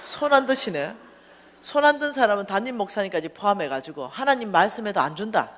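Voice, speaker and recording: A woman giving a lively, humorous testimony sermon in a church, acting out dialogue as she tells the story. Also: medium pitch, brisk, slight background noise. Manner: animated storytelling, acting out dialogue, bursts of laughter. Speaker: church finance lecturer.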